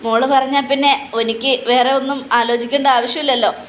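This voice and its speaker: A woman's voice: high-pitched, fairly even intonation, brisk, a little hiss or hum, close to an everyday voice. A woman doing a nervous middle-aged father. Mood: anxious. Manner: anxious, placating.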